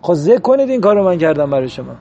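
High-voiced preacher, earnest sermon. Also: male voice, very animated, dark tone. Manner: earnest, chants Quranic verses slowly, asks rhetorical questions. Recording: dull lo-fi recording.

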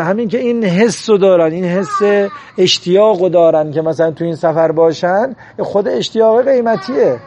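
High-voiced preacher, earnest sermon. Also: male voice, dark tone. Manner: earnest, chants Quranic verses slowly, asks rhetorical questions. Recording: dull lo-fi recording.

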